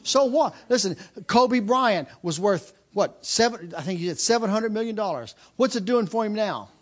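This is a sermon from a pastor in his fifties whose voice is high for a man, with lively intonation at a moderate pace. He repeats his points, circles back on wording and restarts sentences along the way.

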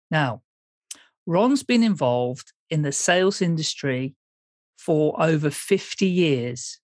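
A man hosting a podcast, reading a scripted introduction in a deliberate, announcing way. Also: fairly high pitch, no room sound, studio quality. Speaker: podcast host.

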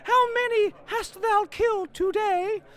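A man's voice: very high voice, fairly even intonation, unhurried, a bit bright, voice pushed up. A man voicing a doting noblewoman wife in an exaggerated, mincing parody on the Shakespearean stage. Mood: sweetly mocking.

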